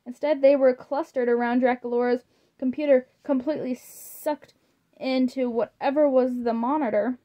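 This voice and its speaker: A woman reading a children's storybook aloud in a gentle, deliberate way, with a few small slips. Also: high voice, fairly even intonation, lo-fi sound. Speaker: storybook reader.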